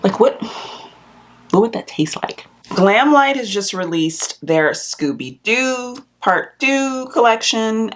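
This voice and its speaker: A woman beauty vlogger chatting casually about new makeup releases, rambling with fillers and restarts and jumping up in pitch when she stresses a point. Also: a bit bright.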